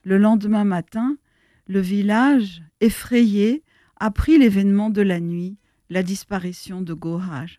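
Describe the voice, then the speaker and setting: Slow, solemn woman storyteller. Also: medium pitch, warm tone, dry recording, studio quality. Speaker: narrator. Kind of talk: storybook reading.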